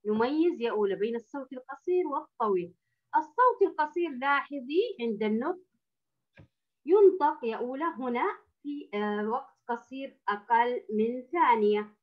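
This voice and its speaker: A woman teaching a first-grade reading lesson, stretching out sounds and words slowly and repeating them patiently for young pupils. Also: a little high, expressive. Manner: addresses the class as girls, with patient repetition. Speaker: primary school teacher. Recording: dull lo-fi recording.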